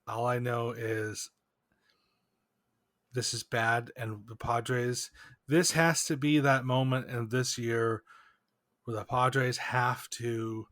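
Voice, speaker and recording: A man's voice: mid-range voice, fairly even intonation, slow, pauses often, a bit bright, dry recording, clean studio sound. A man co-hosting a casual podcast, venting with sighs, restarts and trailing thoughts. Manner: exasperated, rambling with restarts and sighs. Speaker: podcast co-host. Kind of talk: casual chat.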